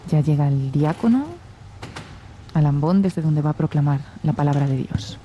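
A woman giving live liturgical commentary as a broadcast commentator, explaining each step in a measured, reverent way. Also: low voice, mellow, a little hiss or hum. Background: music.

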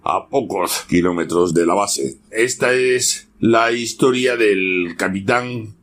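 A man with a somewhat low voice tells a story as a guest on a radio show. He talks casually and at ease, often falling back on easy filler words as he goes. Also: slow. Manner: relaxed, with fillers like "bueno, pues".

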